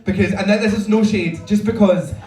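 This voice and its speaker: A man's voice: high-pitched, moderate pace, darkish tone. A Scottish man giving blunt, joking, sweary feedback as a competition judge on stage. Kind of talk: spoken stage critique. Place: roomy live venue with audience. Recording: echoey live venue, distant mic.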